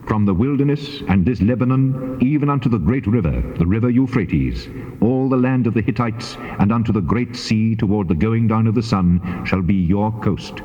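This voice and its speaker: An actor playing the Lord God in a dramatized scripture reading, solemn, measured and commanding. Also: male voice, mid-range voice, warm tone, natural voice. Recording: muffled, long cavernous reverb.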